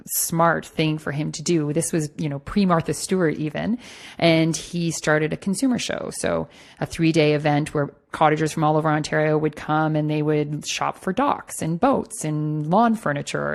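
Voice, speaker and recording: A woman's voice: sits low, gravelly. A middle-aged woman from Toronto, a magazine editor talking as a podcast guest in a loose, conversational way with fillers and restarts. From Toronto, Canada. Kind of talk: relaxed interview answers.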